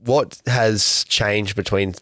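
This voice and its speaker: A man's voice: on the low side, fairly even intonation, slow, pushed and bright, dry recording. A man co-hosting a podcast, rambling and thinking aloud as he asks questions. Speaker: podcast co-host. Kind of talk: casual podcast interview.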